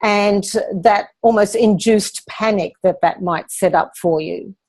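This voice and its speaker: Running a live Q&A as a speaking coach, a woman explains techniques calmly and guides her listeners. Her pitch is medium and her delivery a little slow.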